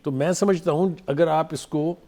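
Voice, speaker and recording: A man from Pakistan, a guest political analyst on a studio talk show, speaking in a measured way that turns emphatic. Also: a little high, fairly even intonation, darkish tone. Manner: measured, emphatic, teasing at times.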